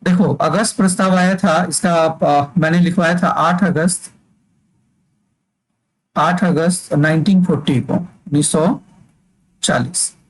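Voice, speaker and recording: A male teacher with a somewhat high voice leads an exam-prep class. He dictates points slowly for notes and stops to check that his students are keeping up. His tone is explanatory and steady. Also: rough recording.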